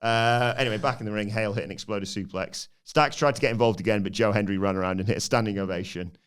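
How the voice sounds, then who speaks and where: A man's voice: fairly low pitch, quick pace, clear, resonant tone. A man co-hosting a podcast, giving a dry, sarcastic play-by-play recap in casual chat. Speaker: podcast co-host recapping the show.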